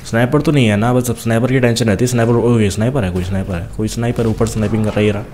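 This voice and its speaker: Young man, game commentator, lowish voice, fast teasing chatter, faint background hiss. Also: fairly even intonation, darkish tone. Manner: chatty, teasing enemies, talks fast while playing. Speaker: gameplay commentator.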